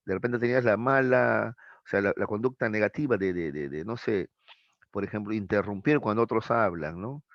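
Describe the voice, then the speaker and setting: A man's voice: fairly low pitch, normal speed, dry recording. A male teacher, giving a live class lecture and explaining with everyday examples, checking often whether students follow. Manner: explains with examples, keeps checking with a tag question. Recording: dull, muffled dry sound.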